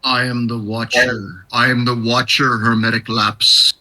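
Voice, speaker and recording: A grand cosmic watcher, put on by a man, declaims in a solemn voice. His tone is bright and forceful. It is tabletop role-play. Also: medium pitch, level tone, unhurried, pitched below the performer's own voice.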